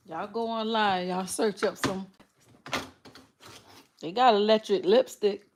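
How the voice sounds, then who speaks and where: A woman's voice: medium pitch, steady tone, slow pace, background noise. Laughing woman livestreaming. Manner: laughs often, teasing, addresses viewers directly. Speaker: livestream host. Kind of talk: casual livestream chat with viewers.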